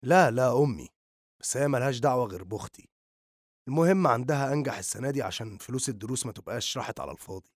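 A man voicing a joking teenage boy who smokes, with an Egyptian accent, speaking low and quietly in an audiobook reading. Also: lively intonation, rapid-fire, no echo, clean studio sound. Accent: Egyptian Arabic.

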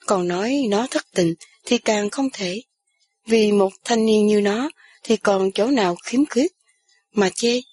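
A woman narrating an audiobook story in a steady, even storytelling manner. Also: medium pitch, slow, slightly rough, dry recording.

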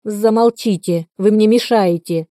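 A woman voicing a young woman with nurse training who speaks briskly and firmly. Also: fairly low pitch, dark tone, no echo, studio quality, lightly acted. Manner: brisk, commanding.

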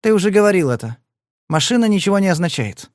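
A man's voice: high-pitched, very animated, fast talker, a little mellow, no echo, clean studio sound, voice pushed up. A male reader voicing a furious young gangster's woman who shrieks and mocks. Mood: shrill, scornful. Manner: shrieking, scornful.

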